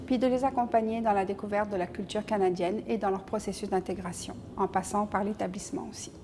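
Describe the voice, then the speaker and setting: A woman who works as a school settlement worker, explaining her role clearly in a documentary interview. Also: mid-range voice, steady tone, fast, long reverb tail, background noise.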